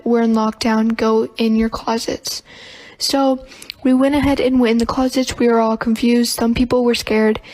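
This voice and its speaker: A young woman telling a school story in a steady, matter-of-fact way. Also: on the high side, low-quality recording. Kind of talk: casual storytime.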